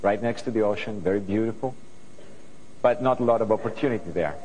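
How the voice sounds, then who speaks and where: Speaking a little fast in a darkish, low voice with a breathy edge, a middle-aged man from Greece, the guest composer, addresses students on a studio stage via lapel mic. He is earnest and thoughtful, restarts often, and has a Greek accent. The rough recording carries a long reverb tail.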